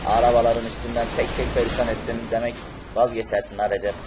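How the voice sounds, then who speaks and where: A man's voice: mid-range voice, level tone, fast, background noise, natural voice. A man voicing a furious male superhero who rants angrily and repeats his threats. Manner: angry, repetitive ranting. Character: furious male superhero ranting about revenge.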